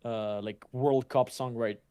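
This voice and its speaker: A young man co-hosting a card game stream, slangy and laid-back, who often trips over his words and starts again. His voice sits at an ordinary pitch for a man. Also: fairly even intonation, measured pace, mellow, smooth. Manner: casual, stumbling restarts, slangy. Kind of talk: livestream commentary.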